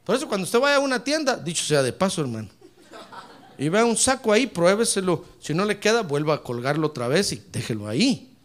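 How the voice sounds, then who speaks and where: A male preacher delivering a fervent sermon, bursting into shouted praise and mixing in humorous asides. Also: sits high, very animated, brisk.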